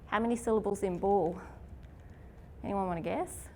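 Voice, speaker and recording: A woman's voice: mid-range voice, moderate pace, mellow. Lady teaching parents, keeps checking in, slight hiss behind. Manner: chatty, asks the audience questions; lots of "okay?" and "isn't it?" checks. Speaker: literacy teacher. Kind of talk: informal workshop teaching.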